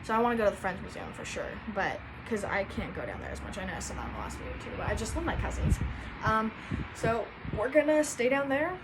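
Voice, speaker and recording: An expressive young woman talks at a quick clip in a laid-back vlog, drifting from point to point. Her pitch is medium, she leans heavily on "like" and "um," and some background noise can be heard.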